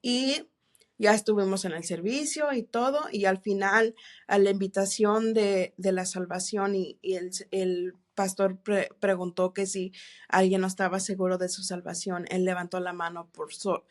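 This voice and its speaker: A woman telling her faith testimony in an interview, earnest and halting, with many restarts and English words mixed in. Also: medium pitch, fairly even intonation. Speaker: interview guest. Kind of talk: testimony in a church podcast interview.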